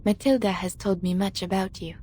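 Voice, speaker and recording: An actress playing a refined, poised lady with veiled intent, speaking gently and formally in a video game drama. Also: mid-range voice, fairly even intonation, brisk, breathy edge, close to an everyday voice.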